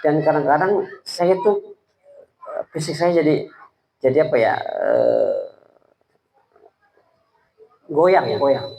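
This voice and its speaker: A man giving an informal, halting sermon at a religious gathering, often speaking to the listeners directly. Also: a little high, expressive, lo-fi sound, slight background noise. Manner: halting, stammering delivery; colloquial, addresses listeners directly. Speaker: preacher at a religious study gathering.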